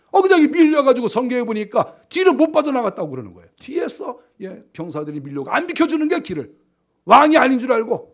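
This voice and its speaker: Man preaching, high and wildly varied voice, dramatizes scenes with shouts and quiet asides. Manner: acts out characters with shouts and laughs, then drops to a low hush. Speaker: pastor. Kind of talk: animated sermon storytelling.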